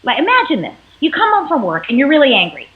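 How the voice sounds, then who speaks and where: A woman psychologist explaining parenting as an interview guest, animated and acting out what parents and children say. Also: high-pitched, quick pace. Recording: tinny phone-like line.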